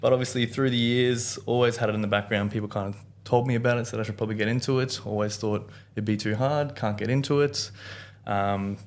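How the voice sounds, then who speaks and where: A young man, a guest on a podcast, telling his story in a relaxed way with frequent laughs. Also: mid-range voice, brisk. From Australia. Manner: relaxed, laughs easily, lots of "um". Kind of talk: casual podcast interview.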